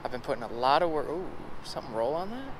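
A man in his thirties vlogging while fishing by a pond, talking excitedly to viewers through an action camera. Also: medium pitch, fast. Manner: excitable, hypes up catches to viewers. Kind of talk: casual outdoor vlog. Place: outdoors by a pond. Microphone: action camera, selfie framing. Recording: outdoor camera with clear background noise.

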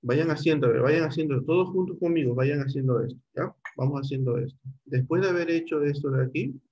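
Middle-aged male teacher, mellow and slightly husky voice, patient step-by-step online class, dull lo-fi call audio. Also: on the high side, fairly quick. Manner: patient, step-by-step, checks in often with students. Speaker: computer teacher.

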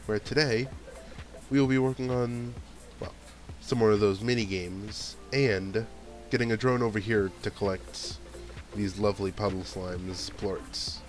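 A man with a stuffy nose and a lowish, fairly even voice plays a video game, casually commenting at an unhurried pace and thinking aloud about his next move. He's a let's play gamer, and game background music plays under his voice.

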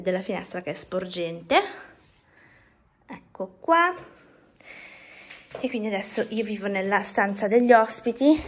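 A young woman giving a casual home tour, chatting with fillers as she walks through her apartment, filming on a handheld phone. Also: mid-range voice. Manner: walking while filming. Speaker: vlogger. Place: apartment rooms indoors. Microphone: phone held at arm's length.

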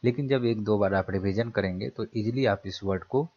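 A man's voice: fairly low pitch, a little fast, darkish tone. A man with an Indian accent teaching English vocabulary in a mix of Hindi and English, explaining patiently and asking rhetorical questions that he answers himself. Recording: slightly dull lo-fi audio.

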